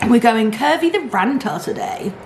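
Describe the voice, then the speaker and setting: A middle-aged woman chatting and ranting casually to camera in an animated, complaining way. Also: on the high side, normal speed. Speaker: mukbang vlogger. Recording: echoey room, clear background noise.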